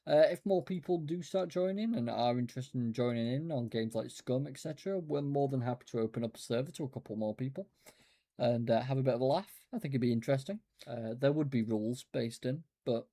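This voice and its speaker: A man's voice: medium pitch, mellow. A man co-hosting a casual gaming podcast, reading out reviews with blunt, sweary, sarcastic asides. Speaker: podcast co-host.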